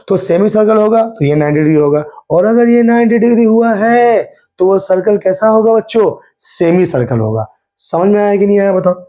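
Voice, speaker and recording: A man teaching a school math lesson, his throat slightly hoarse, who keeps coaxing the class and asking whether they understood. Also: fairly high pitch, dark tone. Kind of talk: Hindi math lesson at a whiteboard. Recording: dull lo-fi recording.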